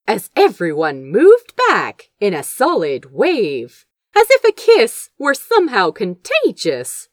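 Narrating fan fiction for an audiobook, a woman tells the story in an expressive, theatrical way. Her voice is mid-range, and the studio-quality recording has no room sound.

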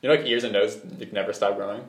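A young man co-hosting a podcast in relaxed, casual chat, full of "like" and "bro". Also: lowish voice, racing. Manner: laid-back, casual, says "bro" and "like". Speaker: podcast co-host. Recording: echoey room, faint noise.

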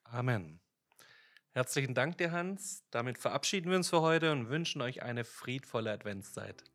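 Ein Mann moderiert einen kirchlichen Adventspodcast, freundlich und im Plauderton. Mittlere Stimmlage, natürlich gesprochen. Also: male voice, mid-range voice, animated, normal speed, fairly bright tone. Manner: friendly, conversational. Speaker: podcast host. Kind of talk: church podcast hosting.

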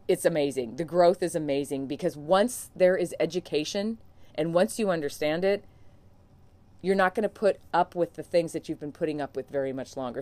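Low-voiced earnest woman podcast host. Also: darkish tone, no echo. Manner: earnest, encouraging, conversational with fillers. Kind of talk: solo podcast monologue.

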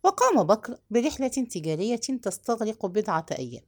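A woman narrating a novel as an audiobook, reading in an expressive, measured storytelling manner. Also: mid-range voice.

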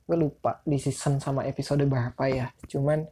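A man's voice: medium pitch, fairly even intonation, fairly quick, mellow, breathy edge. A man with a Jakarta Indonesian accent and a speech impediment on his r's, hosting a casual solo podcast in an informal, rambling, self-deprecating way. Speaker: podcast host.

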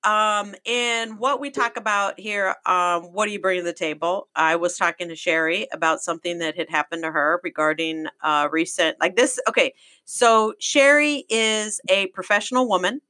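A woman's voice: mid-range voice, steady tone, normal speed, sharp tone. A woman hosting a podcast in a casual, conversational chat. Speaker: podcast host.

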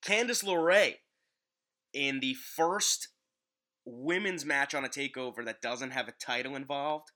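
A man with a very bright, tense-edged voice at a medium pitch. He hosts a casual sports podcast from a basement at home. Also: measured pace. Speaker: podcast host. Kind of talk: casual sports podcast chat about wrestling.

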